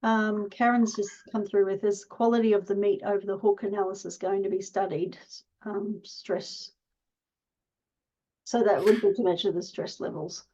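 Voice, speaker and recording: A woman moderates a webinar and reads out questions in a friendly way. Her voice is mellow and mid-pitched. The video call audio sounds dull and lo-fi. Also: fairly even intonation, moderate pace. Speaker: webinar host.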